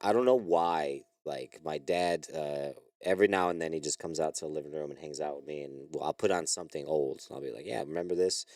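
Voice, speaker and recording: Very deep-voiced rambling podcast man. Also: fairly even intonation, a little fast, few pauses, darkish tone, no room sound, studio quality. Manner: rambling, many fillers. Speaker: podcast co-host. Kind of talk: casual chat.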